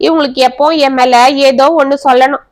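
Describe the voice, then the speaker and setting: A woman's voice: sits high, level tone, fairly quick, a little mellow, lightly acted. A woman voicing a curt, defensive young wife who talks back with scorn. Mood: scornful.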